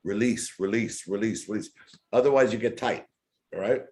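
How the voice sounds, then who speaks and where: In a violin masterclass, a man with a fairly low, slightly mellow voice coaches at a moderate pace. He is earnest and emphatic, often repeating his key words, while a violin plays faintly in the background.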